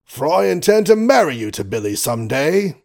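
A man's voice: a little high, very animated, normal speed, gravelly, pitched above the performer's own voice, full character voice. A man doing a blustering old colonel. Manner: blustery, chuckling, swearing mildly. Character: gruff blustering old male colonel, doting father.

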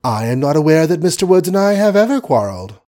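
A male narrator raising his voice into a spirited young woman, crisp and coy, teasing her father with lively turns of pitch. A storybook reading. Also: a little slow, natural voice.

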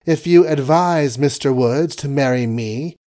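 A man reading the part of a spirited, teasing young woman with a crisp, coy manner. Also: mid-range voice, measured pace, mellow, pitched above the performer's own voice, lightly acted.

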